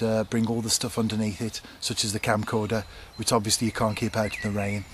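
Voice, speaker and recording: A middle-aged man casually explaining his fishing to a handheld camcorder outdoors on a canal bank, relaxed and chatty with frequent ums. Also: medium pitch. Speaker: angler vlogger. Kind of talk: casual fishing vlog to camera. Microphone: camcorder at arm's length. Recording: outdoor camcorder with clear background noise.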